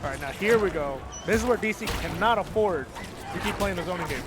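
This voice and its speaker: A man with a high voice commentates a fighting game live. He calls the play as an esports caster, in short phrases. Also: expressive, a little fast, heavy background noise.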